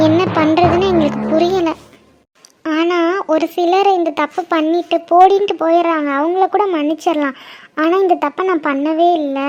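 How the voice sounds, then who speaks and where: A woman's voice: extremely high pitch, darkish tone, muffled recording. A woman voicing a young pregnant woman in a cartoon drama, talking in an earnest, hurt way about being abandoned. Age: young adult. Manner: earnest, hurt, steadily explaining.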